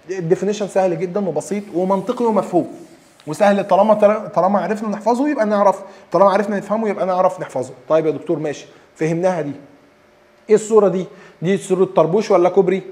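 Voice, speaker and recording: A man with an Egyptian Arabic accent giving a lively dental lecture, acting out patients' questions and mixing in English terms. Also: high-pitched. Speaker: dentistry lecturer.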